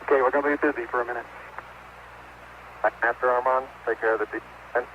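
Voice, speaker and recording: Over a beeping, static-filled space radio link, a man in a lunar lander rattles off terse, businesslike callouts. His voice sits in the mid-range, fairly quick, with a mostly level delivery. The signal comes through noisy and muffled.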